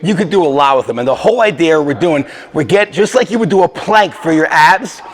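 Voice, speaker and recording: A man talking through a casual exercise tutorial as a fitness coach, energetic and conversational, a bit out of breath. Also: on the high side, brisk. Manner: energetic, conversational, with filler restarts.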